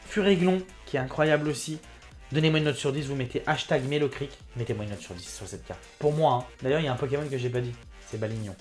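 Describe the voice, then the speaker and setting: A man hosting his own card-opening video, chatting excitedly and talking straight to his viewers. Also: medium pitch, quick pace, soft background music. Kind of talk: casual card unboxing commentary.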